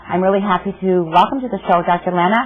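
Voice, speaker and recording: A woman's voice: medium pitch, fairly even intonation, fast talker, a little hiss or hum. A middle-aged woman hosting a local TV interview show, friendly and enthusiastic, often repeating words. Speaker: TV host. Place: TV studio set. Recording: tinny phone-like old TV audio.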